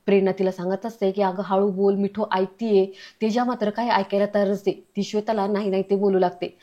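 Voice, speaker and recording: A woman's voice: medium pitch, little pitch movement, brisk, warm tone. A woman retelling a TV serial episode, reading the characters' lines in her own voice. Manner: reads characters' lines with little change of voice. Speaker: serial recap narrator. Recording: dull lo-fi recording.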